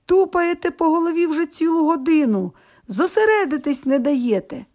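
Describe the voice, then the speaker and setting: A grumpy middle-aged neighbour bursts in from a children's storybook, scolding and indignant, as a woman reader puts him on. The voice sits high and swings widely, with a gravelly edge. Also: animated, moderate pace, a little mellow.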